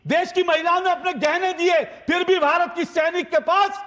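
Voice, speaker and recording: Guy anchoring a heated tv debate, high voice, keeps hammering the same taunt, studio with long reverb. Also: fairly even intonation, normal speed, fairly bright tone, muffled recording. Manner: combative, repeats taunts over and over. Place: TV news studio.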